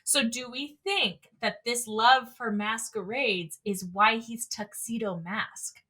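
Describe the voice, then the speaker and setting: A woman's voice: on the high side, slow, pushed and bright. A woman in her thirties co-hosting a podcast in casual chat, chatty and laughing often. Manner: chatty, laughs often, compares with the original version. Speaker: podcast co-host.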